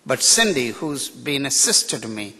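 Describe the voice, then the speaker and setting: A sing-song, medium-pitched male voice with a sharp tone and a breathy edge, moving at a moderate pace. It's a middle-aged man from India, accent mixing Indian, British and American elements, giving an improvised, joking tribute as a guest speaker at a ceremony, candid and outspoken at a podium mic in a large, reverberant hall.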